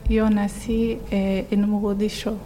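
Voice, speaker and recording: A young woman answers an interviewer in slow, careful learner's speech. Her voice stays flat and unhurried, her clear. A steady hiss runs under the recording. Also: medium pitch. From Somalia. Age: 20s. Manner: hesitant, short answers, searches for words.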